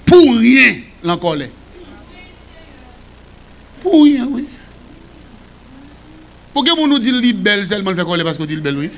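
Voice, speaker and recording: A man with a Haitian accent preaching a sermon as pastor, shouting and singing some phrases. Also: high-pitched, very animated, measured pace, long pauses. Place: church.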